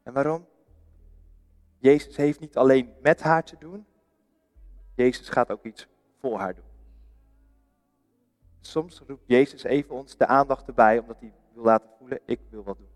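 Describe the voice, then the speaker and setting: A man's voice: medium pitch, measured pace, long pauses, big-room sound, faint music behind. A Dutch man preaching a sermon in a church, earnest, asking his listeners questions and answering them himself. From Netherlands.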